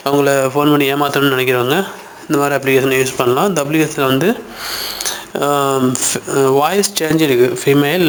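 A YouTube tutorial host walks viewers through an app step by step in informal, colloquial speech. His voice is mid-range, and there is slight background noise.

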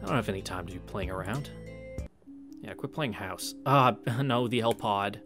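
A let's-play narrator, a young man with a lowish voice, reads a visual novel aloud at normal speed, tossing in casual, wry asides over game music.

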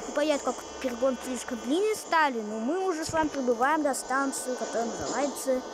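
A woman giving casual, rambling game commentary in halting, repetitive phrases. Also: sits high, animated. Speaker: gamer commentating. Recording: loud noise from train game. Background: train game sounds.

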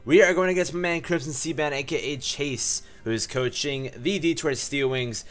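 A man's voice: a little high, normal speed, fairly bright tone. A young man talks casually over a game with a sore throat, coughing now and then. He rambles along with lots of fillers while faint music plays behind him. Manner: chatty, rambling, many fillers. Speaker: video game commentator. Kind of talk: casual let's-play commentary.

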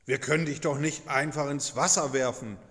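A man's voice: medium pitch, moderate pace, fairly bright tone, in a large hall, close to an everyday voice. A man voicing the worried adult sailors, asking reproachful questions.

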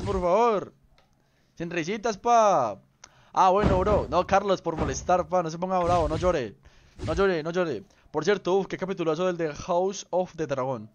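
A man's voice: high voice, noisy background. A young man, chatting casually on a game stream, teasing and greeting viewers by name. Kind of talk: casual live-stream chat.

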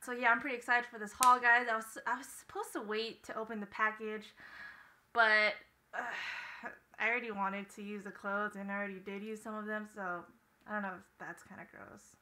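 A woman's voice: medium pitch, little pitch movement, moderate pace, pushed and bright, slight background noise, low-quality recording. A young woman chatting casually through a clothing haul video, rambling and full of filler words. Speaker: vlogger.

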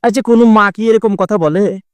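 A man with a preaching a sermon in a lively sing-song, acting out voices in his stories. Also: high-pitched, moderate pace, no echo. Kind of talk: Bangla waz sermon.

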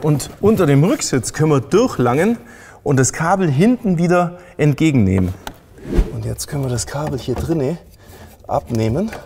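Animated and speaking at normal speed, a middle-aged man with a highish voice talks through installing car audio step by step, casual and plain, as he works in his workshop. Background noise is audible in this hands-on tutorial.

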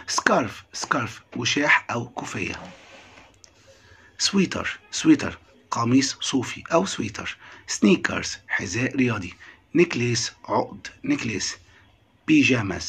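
Egyptian male English teacher, gravelly and husky, lively pitch, repeats each word. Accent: Egyptian Arabic. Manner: drills words slowly with repetition, then translates. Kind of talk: classroom lesson.

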